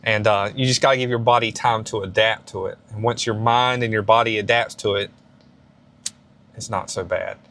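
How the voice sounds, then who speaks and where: A man's voice: fairly low pitch, fairly even intonation, normal speed, pushed and bright. A man in his late thirties hosting a fitness vlog, giving beginner lifting advice in a casual, rambling and encouraging way, with many restarts and fillers. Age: 30s. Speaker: fitness channel host.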